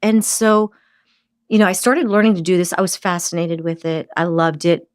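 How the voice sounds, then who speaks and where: A woman with a low voice, recorded dry and close to the mic. She is middle-aged and works as a nurse in aesthetic medicine. As a podcast guest, she tells her story in a lively way and acts out the dialogue of the people she quotes. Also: normal speed, clear, resonant tone, no echo. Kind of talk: casual interview storytelling. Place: podcast studio.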